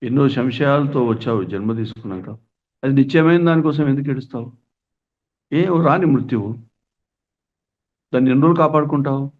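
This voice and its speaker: A man's voice: mid-range voice, a little fast, long pauses. A middle-aged man giving a spiritual discourse, earnest, with lots of rhetorical questions and folksy asides. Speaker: spiritual teacher. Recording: tinny phone-like sound.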